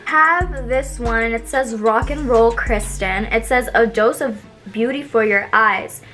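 A young woman vlogger chatting casually through an unboxing, bubbly and gushing with excitement. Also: fairly high pitch, measured pace, faint music behind. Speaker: beauty vlogger.

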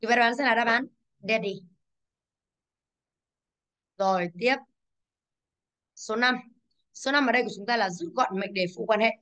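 A woman teacher with a fairly high, fairly bright voice takes a class through exam answers at a brisk pace. She stresses every English word and keeps checking that the students are following.

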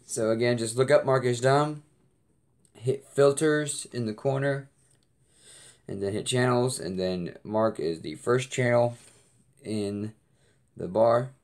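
A man hosting a reaction video, talking casually and hesitantly with many pauses and fillers. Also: mid-range voice, a little mellow. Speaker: host of a reaction channel.

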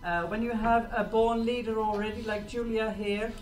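Hosting an event on a small stage in a presentation room, a middle-aged woman chats informally and puts rhetorical questions to her listeners. Her voice is a little high and a little mellow, fairly even in intonation and moderate in pace, heard through a distant mic over clear room noise.

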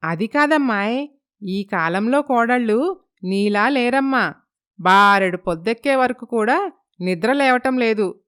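A woman puts on a gossipy neighbor auntie in a storybook tale, a touch high and smooth-voiced. She chatters on in warm praise, comparing the young wife to others. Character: chatty older neighbor aunt, admiring.

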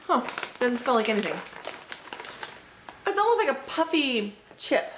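A woman's voice: high-pitched, big pitch swings, unhurried. Chatty woman tasting snacks, roomy echo. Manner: chatty, upbeat, thinking aloud. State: slightly hoarse. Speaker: unboxing vlogger. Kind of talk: casual product tasting review. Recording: roomy echo, faint background noise.

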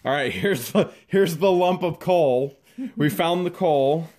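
Male vlog host, casual and chatty, keeps up excited commentary as he unboxes on camera. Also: on the high side, slow. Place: dusty garage.

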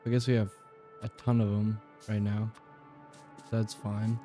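A man's voice: fairly low pitch, flat delivery, a little slow, dark tone, faint music behind. A young man hosting casual gameplay commentary, thinking aloud with fillers and repeats. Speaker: game channel host.

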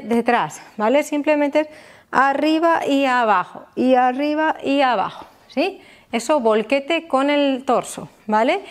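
A woman leads a belly dance class. Her voice sits a little high, and she breaks each step into short counted phrases, checking in with her students after nearly every one. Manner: explains step by step, often checking with "¿vale?" and "¿sí?". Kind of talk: dance lesson instruction.

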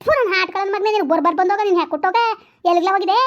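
A woman playing a furious village elder aunt in a comedy skit, cursing and scolding without pause. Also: highs cut off. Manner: shrill nonstop scolding and cursing.

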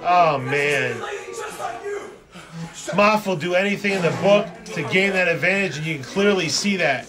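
A man doing excited live wrestling play-by-play as a commentator, in a slangy, exclamatory way. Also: high voice, unhurried.

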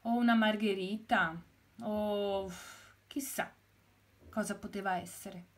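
A woman voicing an eager, excitable male rooster who exclaims and guesses. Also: medium pitch, takes it slowly, close to an everyday voice. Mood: unsure.

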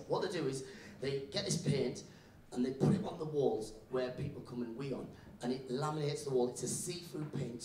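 Animated male stand-up comic in a roomy venue. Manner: animated storytelling, acting out characters. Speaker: stand-up comedian. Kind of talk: live stand-up comedy. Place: live comedy venue with audience. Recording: roomy venue, mic picked up from a distance, faint rumble.

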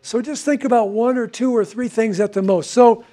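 An older man, a counselor, teaching a recovery class to a group, animated and gesturing, often asking tag questions. He is in a room with a whiteboard, filmed at medium distance. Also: extremely high pitch, moderate pace.

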